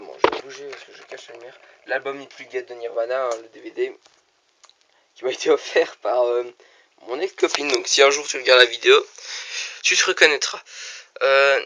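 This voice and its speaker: A man's voice: mid-range voice, pushed and bright. A young man chatting casually in a home vlog, rambling and hesitant with lots of fillers, recorded on a phone in his room. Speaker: channel owner. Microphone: phone camera.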